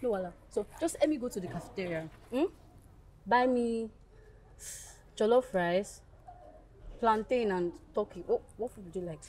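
A woman's voice: mid-range voice, lively intonation, normal speed, pauses often, mellow, natural voice. A woman with a Nigerian accent playing a teasing schoolgirl who bosses a new student around. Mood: bossy. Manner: teasing, ordering others around. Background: music.

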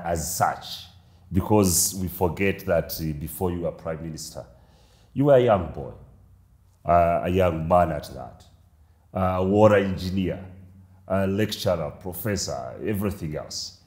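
A middle-aged man hosting a formal interview, speaking in a measured way with frequent hesitations. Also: low-pitched, darkish tone, roomy sound. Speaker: interview host. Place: room with a large window.

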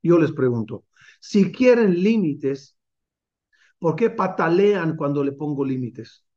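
A man's voice: fairly high pitch, expressive, takes it slowly, warm tone, lo-fi sound. A man teaching as a rabbi in an online class, driving his points home with many rhetorical questions. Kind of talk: Torah class over video call.

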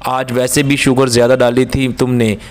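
A man's voice: medium pitch, level tone, normal speed, lightly acted. Ayesha, a teasing young woman, read by a man. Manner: playful joking tone.

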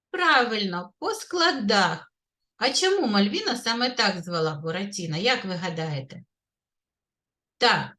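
A woman kindergarten teacher with a Ukrainian accent, leading a literacy lesson for young children in a classroom, speaking clearly and praising the children often. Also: medium pitch, sharp tone. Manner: slow, clear, sing-song teacher talk, praising often.

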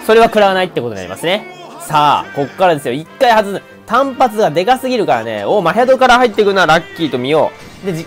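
A man giving excited, shouty commentary on a video game he is playing. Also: high voice. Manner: loud excitable outbursts and yelps. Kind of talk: excited let's-play commentary. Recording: faint background music.

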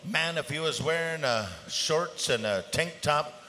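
Male powwow emcee, bright punchy voice, casual banter and rallying calls, noisy indoor arena. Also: fairly high pitch, a little slow. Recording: clear arena ambience noise around PA voice.

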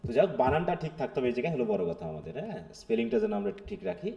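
A man's voice: on the high side, huge pitch swings, rapid-fire, creaky, dark tone, highs cut off. A man teaching an English literature class live, mixing Bengali and English and often checking with his students. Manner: explains step by step, keeps checking with students.

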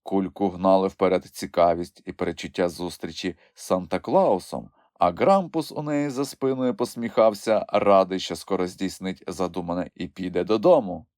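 A man narrating a children's audiobook in an expressive storytelling manner. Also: low voice, normal speed, hardly any pauses, dry recording, clean studio sound. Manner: expressive storytelling with lively swings. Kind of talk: scripted narration.

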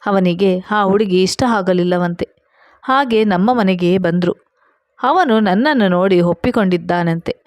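A woman narrating a first-person story, reading out the quoted dialogue in her steady storytelling voice. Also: medium pitch, a little slow, no room sound.

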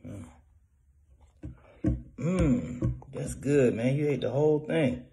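A man's voice: medium pitch, sing-song, slow pace, dark tone. A young father talking casually and playfully to his baby while feeding him, coaxing and teasing in slangy speech.

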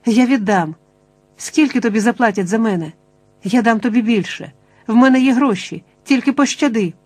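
A woman's voice: medium pitch, normal speed, a little mellow, dry recording, close to an everyday voice. A woman voicing a panicked plump middle-aged man who begs in a rush of pleading words. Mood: frantic pleading. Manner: frantic, pleading, tumbling words.

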